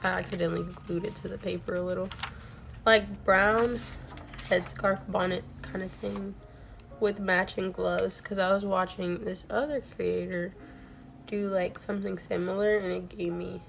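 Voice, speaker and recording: Her voice is gravelly and a bit bright, medium-pitched, with little pitch movement and a moderate pace, and a recent cold has thrown it slightly off. She's a young crochet streamer rambling casually with many "like" fillers from her home crafting setup, faint music in the background.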